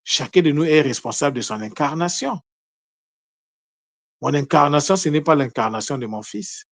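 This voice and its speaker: A man's voice: fairly high pitch, animated, normal speed, dry recording. A man giving an unprepared spiritual teaching talk, earnest, often repeating words and restarting his phrases.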